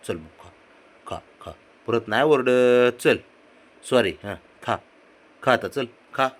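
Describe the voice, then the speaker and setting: A young man, coaxing and sweet-talking his pet cat at home, repeating himself softly. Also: on the low side, lively intonation, slow, breathy edge. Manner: coaxing, repetitive, soft-spoken with a pet. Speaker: cat owner. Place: home, indoors.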